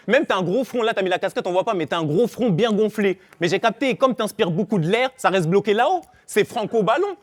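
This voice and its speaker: A man delivering a live battle rap verse built on teasing punchlines. His voice is high for a man. He stacks joke after joke in rhyme. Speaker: battle rapper.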